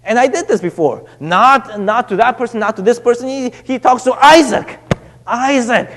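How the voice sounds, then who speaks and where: A young male pastor preaches in a church hall, and long reverb trails after each phrase. His voice sits high for a man. He talks loosely and conversationally, restarting and filling gaps as he goes. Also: a bit bright. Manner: conversational, halting with many restarts and fillers. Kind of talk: sermon. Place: church sanctuary.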